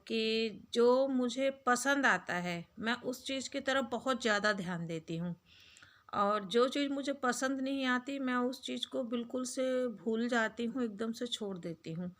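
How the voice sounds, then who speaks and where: A middle-aged mother speaking to young girls in a gentle, motherly way, as if giving them advice face to face. Her voice sits a little high and sounds bright and clear. She talks in a relaxed, chatty vlog style. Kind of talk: casual advice talk to camera.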